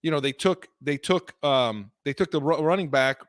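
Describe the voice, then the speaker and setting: A man's voice: on the high side, normal speed, no echo, clean studio sound. A man co-hosting a sports podcast, talking heatedly about football and breaking off and restarting his sentences, his voice worn from illness. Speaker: podcast co-host.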